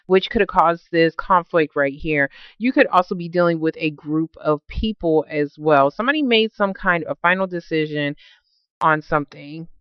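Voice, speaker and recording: A woman's voice: on the low side, smooth, no echo. A woman giving a casual tarot card reading, blunt and talkative, swearing freely and often stopping to correct herself. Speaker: tarot reader. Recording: dull lo-fi dry recording.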